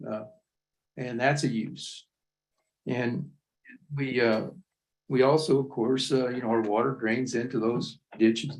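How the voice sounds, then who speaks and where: A man making a public comment at a county meeting, halting and repeating words as he builds his point. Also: medium pitch, darkish tone, rough recording.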